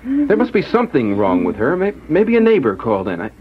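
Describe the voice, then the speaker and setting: A man's voice: fairly high pitch, wildly swooping pitch, fairly quick. An actor playing an anxious, insistent doctor who stammers and repeats his questions in a radio horror drama. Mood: concerned insistence. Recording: very noisy, dull lo-fi radio broadcast.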